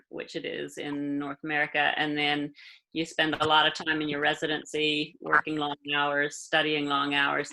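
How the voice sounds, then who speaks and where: A woman's voice: low voice, gravelly, sharp tone, poor audio. A woman with a Maritime Canadian accent, chatting casually as an interview guest. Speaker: interview guest, emergency doctor and musician.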